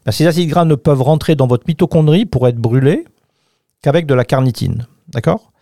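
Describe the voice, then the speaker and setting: A man explaining health matters on the radio with plenty of emphasis. His voice is gravelly and mellow, and the studio sound is close and dry. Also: on the high side, a little fast, no room sound. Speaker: doctor guest.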